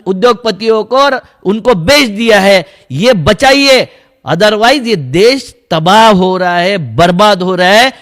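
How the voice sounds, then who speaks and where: Fiery high-voiced man, farmers' union leader. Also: fairly bright tone. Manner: fiery, accusing, addresses the listener directly. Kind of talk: impassioned political speech to camera.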